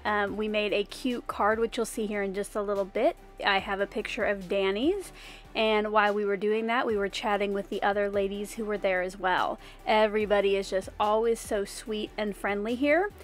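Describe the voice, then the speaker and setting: Speaking into a phone held at arm's length, this forties craft vlogger keeps things friendly and upbeat, chatting and narrating voice-over from a car and a rest area outdoors. Her medium-pitched voice is steady at a normal speed, over soft background music.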